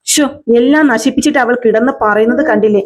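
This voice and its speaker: A woman's voice: on the high side, fairly quick, natural voice. A woman voicing a scheming middle-aged mother-in-law who scolds, read plainly. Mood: scolding.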